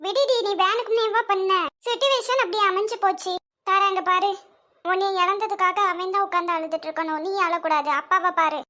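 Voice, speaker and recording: A woman's voice: very high-pitched, steady tone, brisk, bright, forceful tone. A woman voicing a caring young best friend in a cartoon, coaxing and soothing, with a Tamil accent. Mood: consoling.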